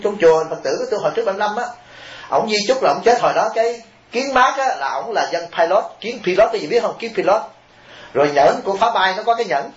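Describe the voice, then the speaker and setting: A man, a Buddhist monk, telling stories in a lively sermon and asking his listeners questions directly. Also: high voice. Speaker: Buddhist monk giving a dharma talk. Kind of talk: storytelling sermon. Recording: roomy, dull lo-fi recording with faint hiss.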